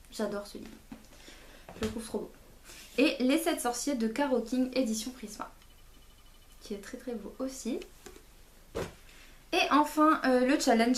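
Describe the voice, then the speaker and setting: A woman's voice: fairly high pitch, darkish tone, echoey room. A woman chatting casually about books she bought, with many fillers and self-corrections. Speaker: book vlogger. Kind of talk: casual book haul chat.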